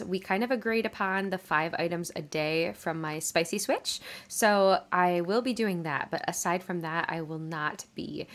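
A young woman gushing in casual gameplay commentary, with a sleepy morning voice. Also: mid-range voice. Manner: bubbly, gushing, chatty. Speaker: gaming YouTuber.

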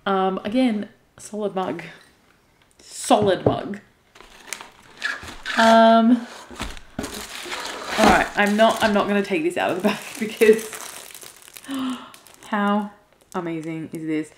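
A woman's voice: mid-range voice, slow pace, long pauses, background noise. Woman, casual unboxing chat, gushy and emotional, laughs a lot, roomy echo. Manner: gushing, emotional, laughs often. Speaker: cross stitch vlogger.

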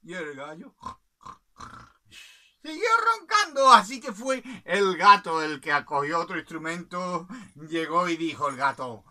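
A man with a Spanish accent telling an animated children's story, playfully imitating animal sounds and laughing along. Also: a little high, unhurried.

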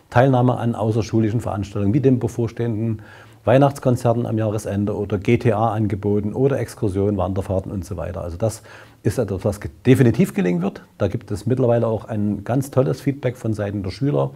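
Older man, school principal, dark mellow tone, slightly husky, formal address, classroom, lapel mic. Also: lowish voice. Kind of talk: welcoming, explanatory address to camera.

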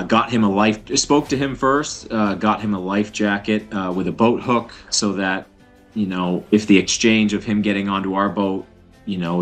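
A man in his thirties on a webcam video call, recounting a rescue at sea in a halting way, full of "uh" and "you know". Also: deep voice. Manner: halting, many fillers and pauses. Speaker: fisherman describing a rescue. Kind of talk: casual interview account. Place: indoor room at home.

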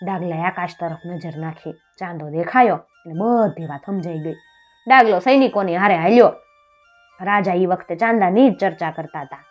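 A woman narrating a folk tale in a lively, expressive storytelling voice. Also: fairly low pitch, normal speed, lo-fi sound, soft background music.

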